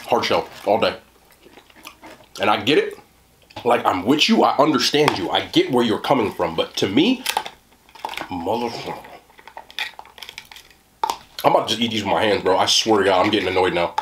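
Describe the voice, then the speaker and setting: A man's voice: fairly low pitch, expressive, normal speed, long pauses, background noise. A young man doing a mukbang eating chat, joking in slang and talking while he chews. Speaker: food reviewer.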